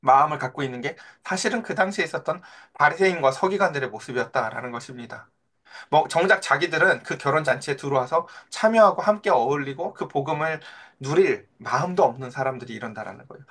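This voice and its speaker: A man's voice: mid-range voice, fast talker. A middle-aged male pastor preaching in a conversational way, asking his listeners questions and acting out the voices in his stories. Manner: animated, acts out quoted voices of children and Jesus. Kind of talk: sermon.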